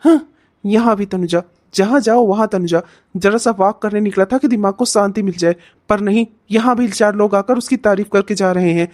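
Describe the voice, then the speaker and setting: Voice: medium pitch, moderate pace, a little mellow, natural voice. A performer voicing a jealous young husband in a cartoon, sulky and complaining that no one praises him. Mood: irritated. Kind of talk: cartoon voice acting.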